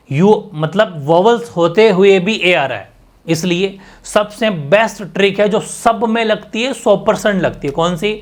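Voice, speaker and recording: Male coaching-class teacher, a bit high-pitched, repeats himself and drills students with questions. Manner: explains by repeating and quizzing students. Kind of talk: exam-prep class lecture.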